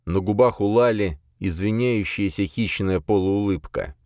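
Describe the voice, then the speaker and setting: A man narrating an audiobook in an expressive storytelling manner. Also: fairly low pitch, measured pace, no echo, studio quality. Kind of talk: scripted narration.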